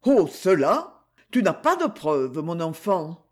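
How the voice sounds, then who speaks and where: A man reading a novel aloud, voicing an indulgent nobleman who gently reproaches his cousin. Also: fairly high pitch, sing-song, takes it slowly. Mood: calm, reproachful. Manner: mildly reproachful.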